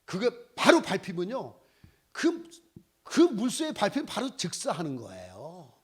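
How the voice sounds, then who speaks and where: A man in his sixties, a missionary preacher, telling personal stories in a sermon with animated, exclaiming delivery. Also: sits high, unhurried, breathy edge. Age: 60s. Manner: animated storytelling, exclaiming and laughing often.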